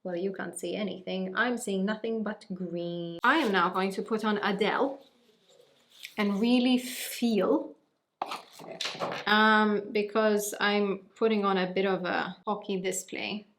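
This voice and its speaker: A woman's voice: mid-range voice, steady tone, unhurried, a little hiss or hum. A woman from Malta with a Maltese accent, chatting expressively and emphatically as a beauty vlogger giving a tutorial. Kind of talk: chatty hair-dye tutorial vlog. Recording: music behind the voice.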